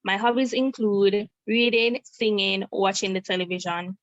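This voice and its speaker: A woman's voice: medium pitch, steady tone, normal speed, no room sound, lo-fi sound. Woman in her twenties reading an answer. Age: 20s. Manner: reads prepared text steadily. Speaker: quiz contestant.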